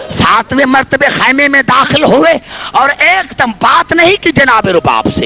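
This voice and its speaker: A man's voice: on the high side, bright, forceful tone. A man giving a Muharram mourning sermon in an impassioned, wailing voice with repeated cries. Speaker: Muharram orator. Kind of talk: Shia majlis sermon.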